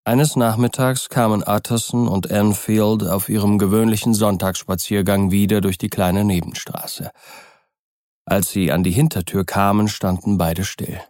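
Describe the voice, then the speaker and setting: A man narrating an audiobook in a measured, even storytelling manner, close to the mic. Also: fairly low pitch, no room sound.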